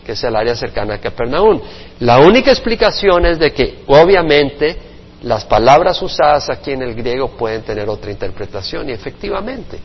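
A male pastor preaching a Bible study sermon to a congregation, expressive, with playful sound effects and acted quotes. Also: mid-range voice, husky. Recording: muffled reverberant church recording.

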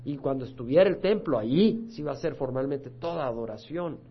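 A man pastor teaching a Bible study sermon, retelling scripture with animated storytelling that rises loud and drops soft. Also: medium pitch, brisk, slightly rough. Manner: animated storytelling, rising loud for quoted voices, dropping soft for teaching points. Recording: dull lo-fi recording.

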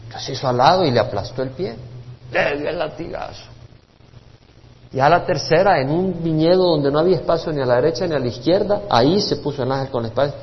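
Emphatic preacher. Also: male voice, a little high, quick pace, in a large hall, lo-fi sound. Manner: storytelling preacher, animated and emphatic. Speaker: pastor. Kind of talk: sermon Bible teaching.

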